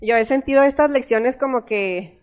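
A woman's voice: high-pitched, moderate pace, soft background music. Mexican woman preaching in a reverberant hall. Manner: earnest, conversational preaching with personal stories. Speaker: church speaker. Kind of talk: sermon. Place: church. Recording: long reverb of a church hall.

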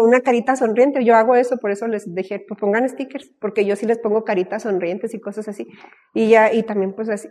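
Warm-voiced Mexican woman sharing teaching anecdotes. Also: fairly high pitch. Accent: Mexican Spanish. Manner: chatty, storytelling, frequent fillers and light laughter. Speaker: Bible study teacher. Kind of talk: casual teaching talk with anecdotes.

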